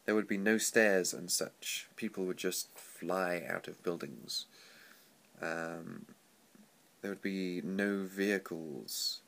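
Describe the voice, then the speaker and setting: Taking it slowly with some vocal fry, a young English teacher vlogger with a stuffy nose and a cold-deepened voice chats in a relaxed, rambling way, saying um often. The video diary was captured up close on his laptop webcam in a small indoor room with sliding paper screens.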